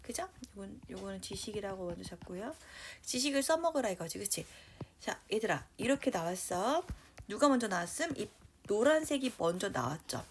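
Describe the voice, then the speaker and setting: A woman teaching a high school English grammar lesson. She talks lively, keeps checking in with her students, and reads English sentences out slowly as she writes them. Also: a little hiss or hum. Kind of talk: online grammar lecture.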